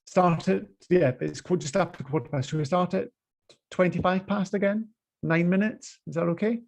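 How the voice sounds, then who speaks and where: A man's voice: sits high, normal speed, creaky, a little mellow. A man with a Scottish accent giving an online lecture on law, hesitant, with many fillers and restarts, heard over a muffled video call.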